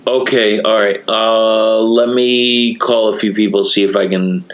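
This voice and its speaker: A man hosting a podcast interview, talking loosely and excitably and often saying "you know what" and "dude". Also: on the low side, unhurried, low-quality recording. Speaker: podcast host. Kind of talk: casual interview chat.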